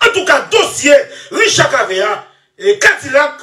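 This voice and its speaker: A man talking in a rambling, excitable way, laughing often and trailing off into mumbles. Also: very high voice, unhurried. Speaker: musician interviewee. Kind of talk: animated rambling interview talk. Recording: echoey room, far from mic.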